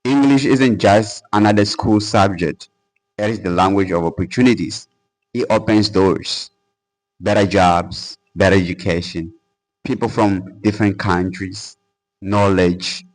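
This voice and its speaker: In a rough recording, an earnest young YouTuber who is learning English speaks motivationally to camera, his lowish voice steady and unhurried. Portuguese is his first language and he comes from a Portuguese-speaking country; his English is casual, full of fillers and "bro."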